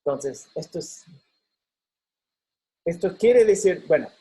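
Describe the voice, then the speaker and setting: Male instructor, husky, mellow tone, unhurried recorded lecture. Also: a little high, lively intonation, low-quality recording. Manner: slow, explanatory, switching between English and Spanish, frequent fillers. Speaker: university instructor.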